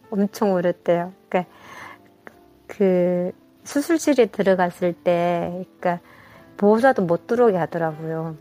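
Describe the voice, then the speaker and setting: A woman from North Korea with a North Korean accent, telling her own story in a casual interview in a halting, unpolished, colloquial way. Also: on the low side, mellow, faint music behind.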